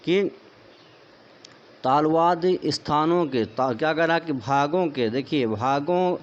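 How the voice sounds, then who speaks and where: A man's voice: on the high side, slow. Male Sanskrit grammar teacher, lo-fi sound. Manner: explanatory, repeats points as questions to the viewer, addresses them as friends. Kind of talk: online lecture explaining a text.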